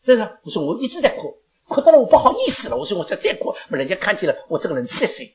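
Lively elderly woman addressing a congregation. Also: medium pitch, racing. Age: older. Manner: animated, rambling, laughs often, slips in English phrases. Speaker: elderly church member giving thanks. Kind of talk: emotional speech to a congregation. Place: church gathering.

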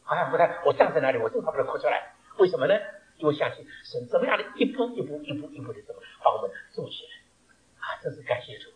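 Animated male preacher. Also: a little high, fast talker, rough recording. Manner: storytelling, with rhetorical questions and swings between loud and hushed. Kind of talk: sermon.

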